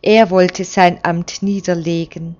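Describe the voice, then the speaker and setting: A woman reads a story aloud with great deliberation, her pace very slow. Her voice sits fairly low. The recording sounds dull and lo-fi. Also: flat delivery, darkish tone.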